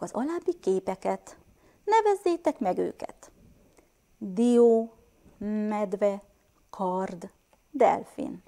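A mellow, medium-pitched woman with a Transylvanian Hungarian accent teaches first graders to read. She takes words slowly, sound by sound, and puts questions to the children.

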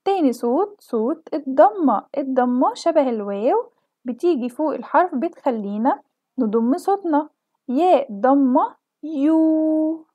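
A young woman with an Egyptian accent, a kindergarten teacher giving a children's alphabet lesson and stretching out each sound slowly for the kids. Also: sits high, expressive, no room sound, dull audio. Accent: Egyptian Arabic. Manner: slow drawn-out model pronunciation for children.

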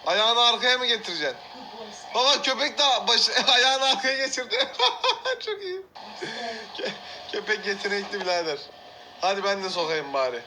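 A man's voice: sits high, very animated, moderate pace, bright, forceful tone, slight background noise. A man hosting a casual reaction video, exclaiming and laughing often as he comments on clips.

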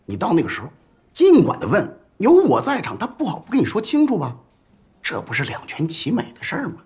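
A man's voice: on the high side, sing-song, fast, a bit bright. A glib, wheedling boss whose voice swings up and down as he coaxes. He is folksy and pushy, used to getting his way in a TV drama. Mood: insistent. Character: pushy, glib male executive, middle-aged. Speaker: company boss.

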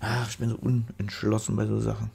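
This photo-editing tutorial voice-over comes from a man with a cold-blocked nose who chats loosely, wandering off and fixing his own slips. Recorded on a studio mic, his fairly low, creaky voice runs fairly quick and monotone, a bit mellow with a breathy edge.

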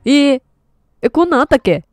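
A woman streamer doing loud, excitable let's play commentary into a close mic. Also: high-pitched, brisk, no echo, faint music behind. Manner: excitable, loud, laughs often. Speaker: game streamer.

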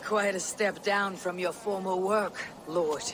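Eivor, husky stoic Viking warrior woman acting. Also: mid-range voice, fairly even intonation, unhurried, background noise, natural voice. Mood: wry, probing. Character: stoic, proud female Viking warrior, wry and probing. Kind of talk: video game cutscene acting. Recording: music behind the voice.

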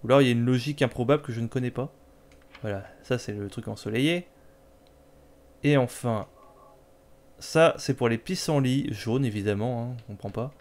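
A man's voice: medium pitch, moderate pace, long pauses, a little mellow. A man giving casual, joking commentary while playing a video game, talking back to it sarcastically. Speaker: let's play host.

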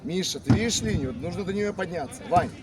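A man's voice: animated, quick pace, heavy background noise. A man coaching football, calling out insistent, repeated instructions during a match in a commanding manner. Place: outdoor football pitch. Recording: outdoor pitch with crowd behind.

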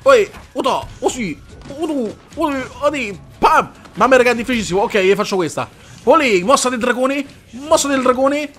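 A man doing excitable gameplay commentary, swearing and making fighting sound effects with his mouth. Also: very high voice, normal speed, soft background music. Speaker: gamer.

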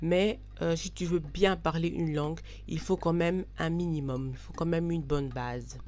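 A woman's voice: deep voice, fairly even intonation, normal speed, a little mellow. A woman from Belgium, vlogging in a frank, chatty way with many hesitations. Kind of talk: casual talk to camera.

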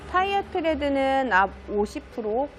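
A woman's voice: sits high, sing-song, a little slow, fairly bright tone, a little hiss or hum. A woman used car dealer giving a polished, polite, promotional sales narration as she presents a car.

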